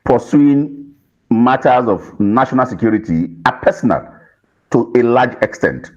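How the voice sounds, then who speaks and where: As a panel guest, a man offers political commentary in a measured way, picking his words with care. His mid-range voice is expressive and somewhat dark in tone, captured on dull lo-fi audio.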